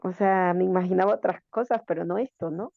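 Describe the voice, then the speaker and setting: A woman's voice: lowish voice, steady tone, brisk, vocal fry, dry recording, phone-quality sound. A woman in a reading group sharing her views in a tentative, hesitant way. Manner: hesitant, tentative, with short laughs. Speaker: reading club member. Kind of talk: casual book club discussion over a call.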